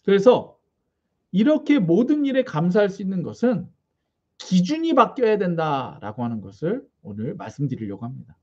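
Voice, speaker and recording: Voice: medium pitch, big pitch swings, normal speed, a little mellow, slightly rough. A pastor preaching a sermon in a small church, talking conversationally and putting questions to the congregation. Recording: dull lo-fi recording.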